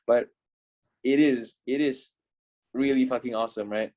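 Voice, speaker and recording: A trading instructor in his twenties ends a casual online class while swearing, going over the same things again, and asking "you know?" often. He speaks a little slowly, in a medium pitch that's a little mellow, with fairly even intonation.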